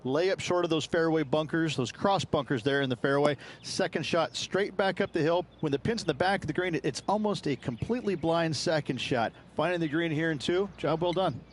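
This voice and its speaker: A man's voice: a little high, fairly quick, few pauses. Male golf analyst over outdoor noise.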